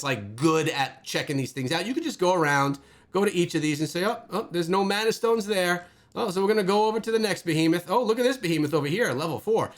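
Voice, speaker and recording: A man hosting a gaming channel, talking through gameplay with animated exclamations. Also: on the high side. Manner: animated and exclamatory, thinking aloud. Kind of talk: gameplay commentary.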